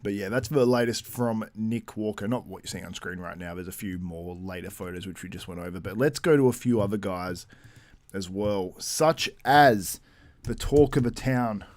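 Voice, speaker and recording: Chatty low-voiced male stream host. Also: steady tone, fairly quick, darkish tone, no room sound. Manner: chatty, reads out viewer comments, frequent laughs. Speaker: livestream host. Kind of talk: casual live-stream commentary.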